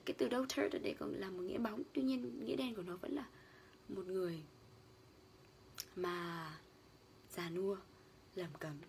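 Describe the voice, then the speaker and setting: A woman from Vietnam, an English lecturer, teaching a vocabulary lesson. She explains word stress and meanings, and reads English quotes out slowly. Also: medium pitch, vocal fry, darkish tone, slight background noise.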